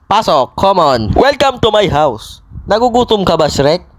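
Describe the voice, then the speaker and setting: A man narrates his own game role-play in a high voice. He is excitable and breaks into loud, sudden exclamations. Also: unhurried, no echo. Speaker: gaming video creator.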